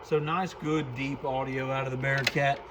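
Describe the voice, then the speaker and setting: Background noise and radio clicks accompany a clear recording of a man showing off a CB radio in a radio shop. As host, he gives an informal, unscripted explanation of the product. His pitch is medium, his pace moderate, and his delivery flat.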